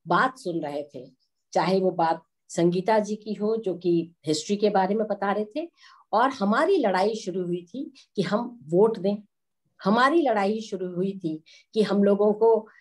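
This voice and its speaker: A woman's voice: mid-range voice, a little mellow. A middle-aged woman from India giving an earnest public speech at a women's day event, slipping English phrases into her talk.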